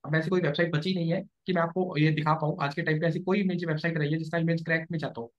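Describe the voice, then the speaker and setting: A man's voice: on the high side, level tone, quick pace. A man, teaching a live class and checking often that students follow. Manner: explanatory, checks understanding often. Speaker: SEO trainer. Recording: dull lo-fi classroom recording.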